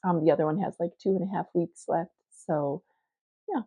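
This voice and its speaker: Gravelly-voiced woman on a phone video. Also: on the low side, fairly even intonation, normal speed, mellow, no echo. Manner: chatty and meandering, thinking aloud. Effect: recorded as a phone video. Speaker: knitting vlogger. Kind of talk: casual morning vlog chat. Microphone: phone camera.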